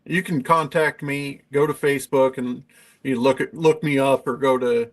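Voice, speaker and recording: Male American interview guest, medium pitch, conversational and a little hesitant, heard over video call. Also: steady tone, normal speed. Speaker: interview guest, veterans' organization officer.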